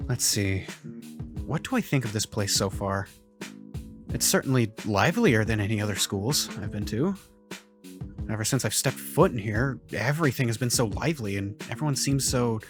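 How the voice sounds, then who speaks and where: A man with a natural voice plays a self-conscious high school senior, narrating a visual novel fan dub in the first person with a wry, introspective manner.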